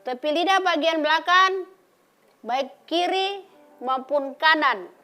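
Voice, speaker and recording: A woman teaching Quran letter pronunciation, slowly repeating example sounds. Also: high voice, pushed and bright, soft background music. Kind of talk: televised religious lesson.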